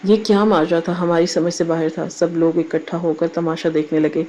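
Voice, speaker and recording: A woman reads a moral story aloud in an even, measured way. Her voice sits low and sounds mellow and warm. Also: a little hiss or hum, poor audio. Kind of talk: scripted story narration.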